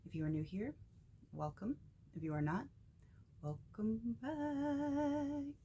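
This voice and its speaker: A woman hosting a spiritual message vlog, talking casually in a halting, tongue-tied way with many pauses and ums. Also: low voice, expressive, vocal fry, warm tone, a little hiss or hum. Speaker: spiritual channel host.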